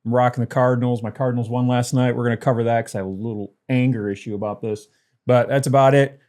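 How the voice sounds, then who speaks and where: A man co-hosts a laid-back wrestling chat show, his voice dark and mellow. He rambles easily, complains with a grin and breaks into laughter now and then. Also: medium pitch, little pitch movement, quick pace. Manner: chatty, laughs while ranting. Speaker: podcast co-host. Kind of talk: casual wrestling podcast chat. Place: lives in Detroit.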